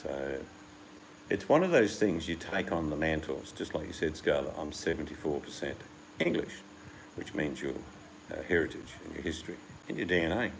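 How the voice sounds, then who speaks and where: A man with a very low voice and a gravelly, crackly edge, talking in a loose, rambling chat. He hosts the talk and slips into the voices of the people he quotes. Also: expressive, normal speed. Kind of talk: casual chat.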